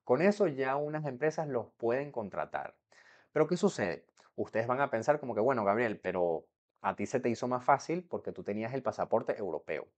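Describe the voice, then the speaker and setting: A man's voice: medium pitch, animated, a little fast, lo-fi sound. A young man from Venezuela explaining to camera how he moved abroad, in a chatty way that keeps checking in with the viewer. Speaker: vlogger.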